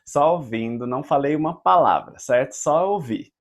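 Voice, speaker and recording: A Brazilian man with a somewhat high voice hosts a casual debate. He speaks in a measured way and builds his argument step by step with everyday examples. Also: animated. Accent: Brazilian Portuguese. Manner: deliberate, explains with examples. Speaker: host.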